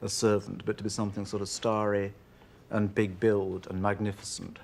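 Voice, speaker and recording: A man's voice: on the low side, level tone, fairly quick, vocal fry, a little hiss or hum. A man hosting a TV chat show, asking teasing, wry questions in playful banter. He has a Northern English accent.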